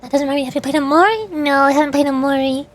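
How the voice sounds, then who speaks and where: A young woman streamer races through a rambling, chatty session with her viewers, her voice sitting high. She shows old screenshots and reads the chat out loud as she goes.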